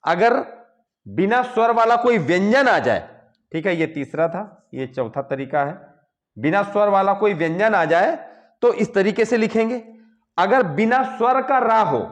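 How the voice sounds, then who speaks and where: A man teaching Hindi grammar, explaining step by step and checking in with "okay" between points. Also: sits high. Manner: slow, repeats "ठीक है" between points. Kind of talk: explaining at a board.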